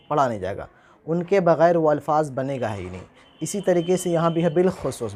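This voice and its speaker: A man with a fairly high voice gives a patient spoken lesson on writing. He spells each word out letter by letter, then says the whole word again, often more than once. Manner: slow spelling out letter by letter, repeating words. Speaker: Urdu writing teacher.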